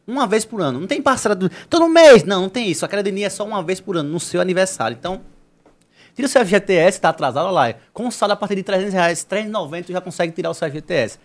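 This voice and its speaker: Fast-talking man giving a hard-sell ad pitch. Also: expressive. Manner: direct, pushy address to listeners. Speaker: podcast host reading a sponsor spot.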